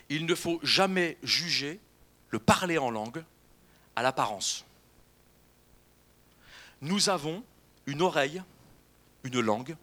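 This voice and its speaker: Animated high-voiced male pastor preaching. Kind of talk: sermon.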